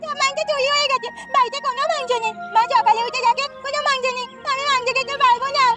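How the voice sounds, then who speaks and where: A woman's voice: extremely high pitch, flat delivery, rapid-fire, loud music behind the voice, voice pushed up. A woman voicing a small village girl who whines and pleads. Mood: whining. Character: little village girl, whiny and eager.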